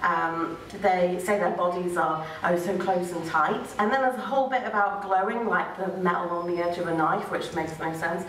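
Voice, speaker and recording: Performing comic live storytelling and dramatic reading, a young woman on a small dark stage speaks at normal speed with few pauses, her fairly low voice a bit bright. She's wry and sarcastic, swearing in asides, captured from afar on a stand microphone with echo and faint noise.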